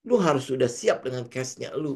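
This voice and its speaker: Talking fast and expressively at a medium pitch, a male trading coach with a Jakarta-slang Indonesian accent leads a relaxed trading lesson. Rhetorical questions keep coming, and he plays out the lines traders would say.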